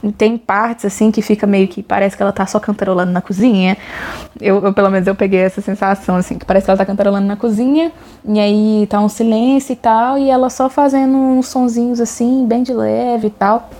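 A woman's voice: medium pitch, flat delivery, brisk, mellow. A woman with a Brazilian Portuguese accent talking casually about a singer's voice, chatty and searching for words, often checking in with "sabe?". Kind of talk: casual music discussion.

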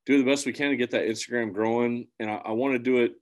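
Speaking at a quick clip with medium pitch and a steady tone, the man is a musician guest from central Illinois, USA. His casual interview talk is earnest and rambling, full of restarts.

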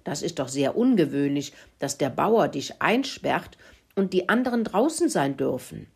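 A woman's voice: big pitch swings, moderate pace, vocal fry, a little mellow, slightly rough, heavily acted. A woman voicing a curious little male mouse in a storybook reading. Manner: squeaky, curious questioning.

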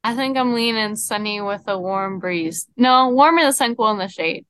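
A young woman co-hosting a podcast who leads the questions in a brisk, decisive, casual way. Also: mid-range voice, a bit bright, clean tone, no room sound. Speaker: podcast co-host. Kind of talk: casual chat.

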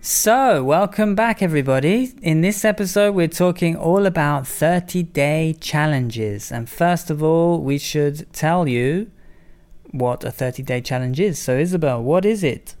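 Smooth, clear-voiced man hosting a podcast. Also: on the high side, expressive, measured pace, darkish tone, faint music behind. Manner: mostly English with the odd Spanish word, Spanglish. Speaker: language podcast host. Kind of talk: educational podcast chat.

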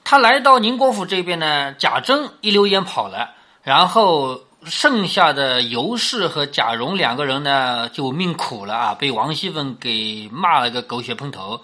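A man's voice: a little high, very animated, normal speed, pushed and bright. A man hosting a show that explains a classic novel, retelling scenes in a colloquial storytelling style and often asking the listener rhetorical questions.

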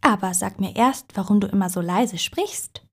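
A woman voicing a proud, boastful female puddle in a storybook reading, with a shrill, self-important voice. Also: moderate pace, husky.

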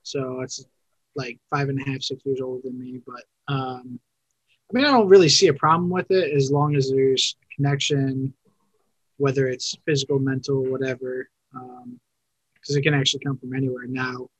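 A man's voice: medium pitch, steady tone, moderate pace, dry recording, muffled recording. A man in his thirties chatting casually on a podcast, rambling and correcting himself as he goes. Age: 30s. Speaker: podcast co-host. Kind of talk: casual chat.

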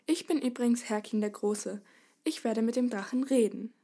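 Woman doing Herkin, a calm cheerful little knight. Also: fairly high pitch, normal speed. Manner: calm and self-assured. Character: small round calm cheerful male knight.

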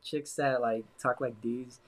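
A man's voice: mid-range voice, fairly even intonation, a little slow, low-quality recording. A young man co-hosting a casual chat, rambling with lots of "you know" and "like" fillers. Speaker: podcast co-host.

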